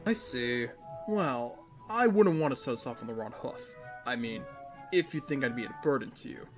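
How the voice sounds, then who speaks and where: A man voicing a pompous, idle male pony prince who talks in a theatrical, drawn-out way, in a fan audio drama. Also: mid-range voice, animated, soft background music, lightly acted. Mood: sulky.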